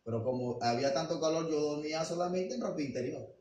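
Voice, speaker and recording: A man delivers a sermon as pastor, his voice sitting somewhat high. He preaches emphatically, asking rhetorical questions and swinging from hushed asides to loud declarations. The recording is roomy and picked up from a distance, with faint noise behind. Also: quick pace.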